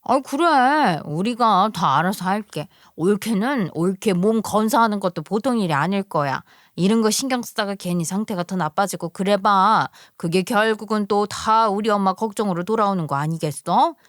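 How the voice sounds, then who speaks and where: A woman's voice: medium pitch, normal speed, few pauses, dry recording, studio quality, close to an everyday voice. A woman voicing a smug, dismissive adult sister-in-law who sides with her mother in a story radio drama.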